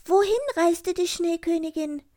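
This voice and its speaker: A woman's voice: very high-pitched, steady tone, a little slow, warm tone, pitched above the performer's own voice. A woman voicing a frightened little girl in a storybook, with a fearful, pleading manner. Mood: urgent. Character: timid, anxious little girl.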